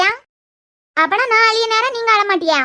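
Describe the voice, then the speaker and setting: A woman's voice: very high voice, moderate pace, pushed and bright. A woman voicing a weepy young wife who pleads and sulks, with a Kanyakumari Tamil accent. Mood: sulky. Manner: plaintive, pleading, sulky. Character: young pregnant wife, weepy and easily hurt. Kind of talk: cartoon web series voice acting.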